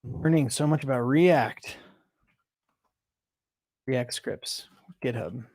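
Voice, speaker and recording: Developer, male, halting think-aloud while debugging, dry close sound, unhurried. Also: medium pitch, darkish tone, no room sound. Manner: halting, self-questioning, many restarts. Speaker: software developer.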